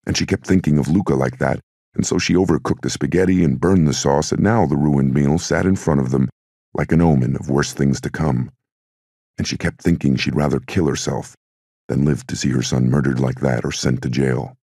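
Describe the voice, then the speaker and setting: Male audiobook narrator, very deep and husky, measured delivery, dry close sound. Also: steady tone, dark tone, no echo.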